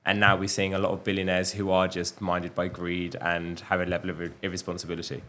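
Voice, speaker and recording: A man's voice: sits low, completely flat delivery, quick pace, bright, forceful tone. A male podcast host asking an earnest interview question from off-mic.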